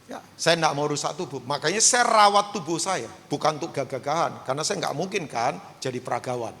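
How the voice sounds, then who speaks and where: A man in his fifties preaching a sermon, swinging between loud proclamations and soft storytelling. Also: a little high, expressive, fairly quick. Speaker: pastor. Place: large church hall. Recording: long church hall reverb, faint noise.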